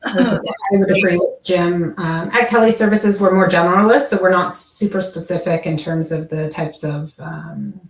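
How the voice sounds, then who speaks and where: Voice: medium pitch, normal speed, a little hiss or hum. A panel guest speaking in an agreeable, conversational way. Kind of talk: panel discussion. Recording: distant, roomy call audio.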